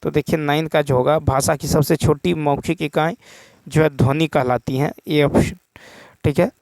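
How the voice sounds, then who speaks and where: A man teaching exam questions in a steady explaining manner, often stopping to check with a quick "okay". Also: a little high, creaky, no room sound.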